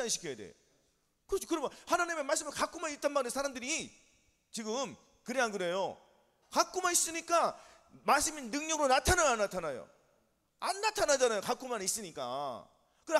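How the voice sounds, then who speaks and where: A man's voice: very high-pitched, a bit bright, big-room sound. A male pastor, preaching a sermon that drills the congregation with back-and-forth questions. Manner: drilling call-and-response questions. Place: church sanctuary.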